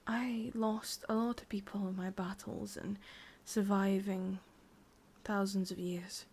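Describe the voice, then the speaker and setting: Her medium-pitched voice stays flat as she whispers intimately and breathily, pausing to muse. The English-accented woman is playing an ancient witch lost in love for an ASMR roleplay, her mood wistful and full of sorrow.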